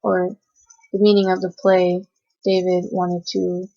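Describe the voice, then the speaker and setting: A young woman presenting to her class reads from notes, hesitating frequently. She is from the United States and grew up with Cantonese as her first language. Her voice is on the low side, monotone and a little slow, gravelly yet mellow, and the recording sounds dull and lo-fi.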